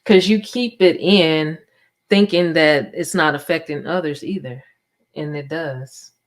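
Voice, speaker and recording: A woman's voice: low voice, a little slow. A woman guest speaker sharing her personal story candidly and reflectively. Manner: reflective, candid, many soft affirmations.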